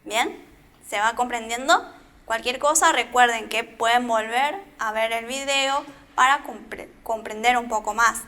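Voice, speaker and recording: A woman teaching a beginner language class with an Argentine accent, drilling syllables slowly and checking in with her students after each step. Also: a little high, bright, forceful tone. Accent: Argentine Spanish. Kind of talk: slow, patient beginner language lesson.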